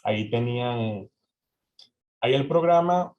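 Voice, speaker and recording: The young Venezuelan man sounds animated, with a medium pitch and measured pace, though his interview answers are hesitant and full of fillers and restarts. He's the guest, and the recording is slightly dull and lo-fi.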